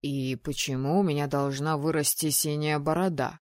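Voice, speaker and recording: A woman voicing a young male high mage who is ironic and easily flustered, in an audiobook. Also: steady tone, moderate pace, a little mellow, no room sound, clean studio sound, close to an everyday voice. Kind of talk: audiobook narration.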